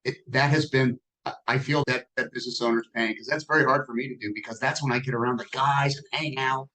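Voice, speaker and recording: A sixty-year-old man talks about his company as a podcast guest. His voice sits in an ordinary middle range, and he speaks in a relaxed, self-deprecating, conversational way. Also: mid-range voice, fast, low-quality recording. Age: 60s. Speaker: guest business owner. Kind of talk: podcast interview.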